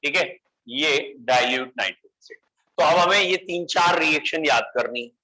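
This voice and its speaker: Bright-voiced male chemistry teacher. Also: on the high side, moderate pace, low-quality recording. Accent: Indian English. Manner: addresses students as beta, coaxing answers; mixes English phrases into the lecture. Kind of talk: classroom lecture.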